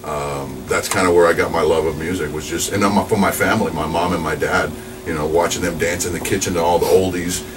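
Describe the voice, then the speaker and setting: A 40-something man from New Mexico, USA, who works as a radio DJ, gives a loose, upbeat interview with plenty of fillers and restarts. His voice is low-pitched and steady in tone, and he talks briskly. Background noise is heavy, and the mic sounds distant.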